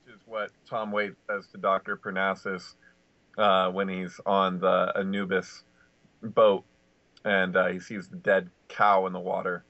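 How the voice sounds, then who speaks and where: Low-voiced man rambling with "like". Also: little pitch movement, a bit bright. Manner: halting, heavy use of "like", many restarts. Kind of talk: casual chat. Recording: dry, lo-fi audio.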